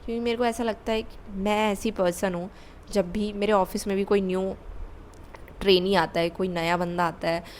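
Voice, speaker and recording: A woman's voice: mid-range voice, fairly even intonation, moderate pace, a little hiss or hum. A young woman vlogger telling a candid personal story, repeating words for emphasis. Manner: candid, confessional, with emphatic repetition.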